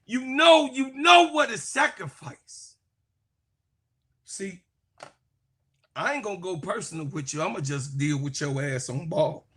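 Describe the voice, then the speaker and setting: A man co-hosting a sports talk show, ranting in heated commentary, fiery and profane, repeating his phrases and often shouting. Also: high voice, animated, measured pace, pauses often, slightly rough.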